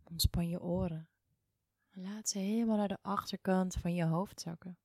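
A woman guiding a relaxation meditation in a soft, hushed, near-whispered voice, soothing and unhurried, with long pauses. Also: on the low side, steady tone, no echo, studio quality. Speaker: yoga and meditation guide.

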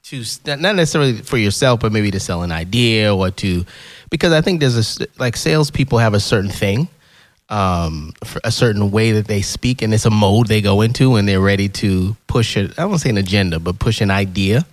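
Lively, chatty male podcast host. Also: fairly low pitch, brisk, no echo. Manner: lively, chatty, swears casually. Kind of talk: casual interview chat.

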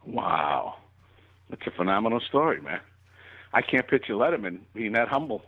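A man's voice: on the low side, sing-song, moderate pace, phone-quality sound. A man co-hosting a casual comedy talk show, effusive and loose, often breaking in with exclamations. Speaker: comedian co-host. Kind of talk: casual podcast chat.

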